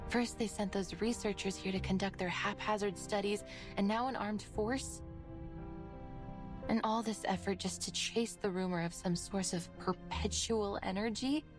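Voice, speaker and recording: A woman's voice: medium pitch, natural voice. Game role: weary woman researcher actress, earnest and brooding, middle register, music playing behind. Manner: earnest, brooding, sighing soliloquy. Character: weary, driven woman scholar, muttering to herself.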